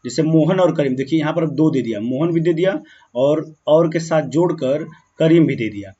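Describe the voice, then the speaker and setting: A man teaching a grammar lesson, slowing down as he writes words out and often checking that students follow. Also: a little high, dark tone, husky. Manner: keeps checking in with "ठीक है ना" and "clear है"; slow, drawn-out when writing words. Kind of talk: grammar lesson explaining on a board. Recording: dull, muffled lo-fi sound.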